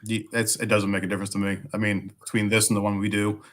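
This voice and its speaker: A man chatting casually as a guest, his voice raspy like a smoker's and hoarse from bronchitis, as he fights back a cough. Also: on the low side, monotone, fast talker. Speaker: guest, firefighter and podcaster. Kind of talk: casual chat.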